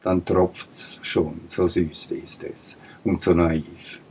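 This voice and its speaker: A man's voice: deep voice, flat delivery, extremely slow, a little mellow, a little hiss or hum. A man giving an emphatic political monologue, asking pointed rhetorical questions and repeating his points. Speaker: political commentator.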